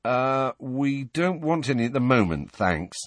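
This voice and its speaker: A man's voice: mid-range voice, sing-song, a little slow, no echo, pitched above the performer's own voice. A man voicing a blunt, hot-headed, easily affronted teenage boy in an audiobook story. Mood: awkward. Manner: blunt, indignant.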